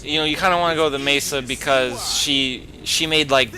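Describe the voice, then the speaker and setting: A young man quoting his teenage friend in a low-key, offhand way, a little quieter than his telling. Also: fairly even intonation, fairly quick, crowd noise, natural voice, poor audio.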